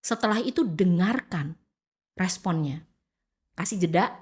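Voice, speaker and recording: A woman from Indonesia, a podcast guest giving casual advice. She talks in an animated way, acts out quoted lines of dialogue, and mixes English phrases into her speech. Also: lowish voice, measured pace, breathy edge.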